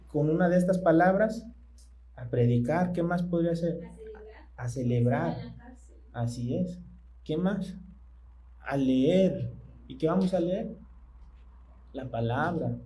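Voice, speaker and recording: A man preaching a sermon in church, speaking conversationally and asking his congregation questions that he pauses to let them answer. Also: on the high side, warm tone, rough recording.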